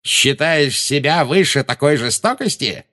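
A man reading a storybook and voicing a cold, menacing male dark wizard who snarls his words with contempt. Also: mid-range voice, very animated, takes it slowly, heavily acted. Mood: snarling.

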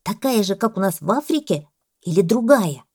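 A woman voicing a fussy, self-important male parrot who talks loudly and lectures. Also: medium pitch, very animated, moderate pace, husky. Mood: stern. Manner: loud, bossy and lecturing.

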